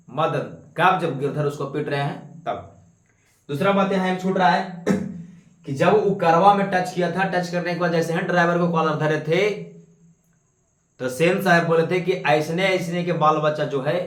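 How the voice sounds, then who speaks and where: A man's voice: on the high side, a bit bright. Male Hindi tutor with a Bihari accent, talks in a raised register and keeps quizzing himself, recorded in an echoey room. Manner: quizzes himself with quick questions and answers. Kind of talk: exam-prep story lesson.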